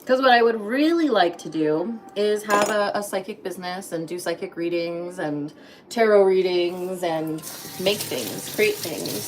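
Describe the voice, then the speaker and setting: A woman's voice: fairly low pitch, unhurried, a little hiss or hum. Chatty woman livestreaming from her kitchen. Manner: chatty, greets viewers brightly by name. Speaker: livestream host. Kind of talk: casual livestream chat. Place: home kitchen. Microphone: phone.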